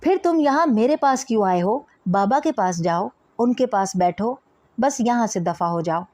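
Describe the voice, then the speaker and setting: A woman's voice: on the high side, animated, moderate pace, a little mellow, no echo, natural voice. A woman reading the part of a young woman who protests, distressed and indignant, against a marriage forced on her. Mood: furious.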